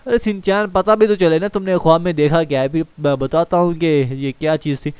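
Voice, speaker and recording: A laid-back, chatty young man , voiced by a man, in a fan game role-play. His voice is smooth and a touch high, recorded close and dry. He talks like an easygoing big brother. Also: fairly even intonation, fairly quick, a little mellow, no room sound, natural voice. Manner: chatty, uses "yaar" a lot, talks to viewers.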